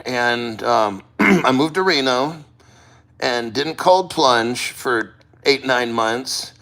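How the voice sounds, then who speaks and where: A man's voice: mid-range voice, animated, takes it slowly, fairly bright tone. A man talking casually in a first-person vlog, rambling and plain-spoken with frequent swearing. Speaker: vlogger. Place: sitting in a cold plunge.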